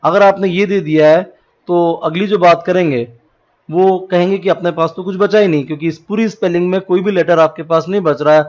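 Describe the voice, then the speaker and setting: A man's voice: sits high, fairly even intonation, fairly quick, darkish tone. A male teacher with a North Indian accent lecturing in a classroom style, mixing in English terms and spelling letters out one by one. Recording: dull lo-fi recording.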